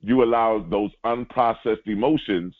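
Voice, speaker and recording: Low-voiced man teaching over a tinny line. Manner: repeats key lines slowly for emphasis; addresses listeners directly. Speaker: spiritual teacher. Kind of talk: sermon-like teaching.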